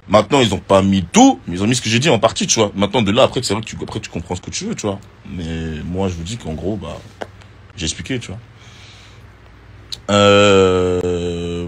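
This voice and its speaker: Husky low-voiced man chatting casually. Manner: relaxed and slangy, with many fillers. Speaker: reality TV contestant. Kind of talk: casual social media chat answering viewer questions.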